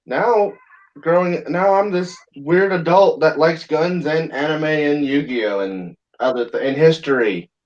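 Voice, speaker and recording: Blunt, crude-talking man on a dull stream. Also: fairly high pitch. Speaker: livestream host. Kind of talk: rambling casual chat. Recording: dull lo-fi sound.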